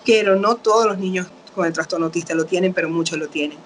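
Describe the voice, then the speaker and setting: A woman's voice: fairly low pitch, fast talker, slight background noise. A middle-aged woman doctor, explaining patiently in an interview. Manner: patient, explanatory, acts out quoted parents and children. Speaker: doctor, guest expert. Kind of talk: explaining casual interview talk.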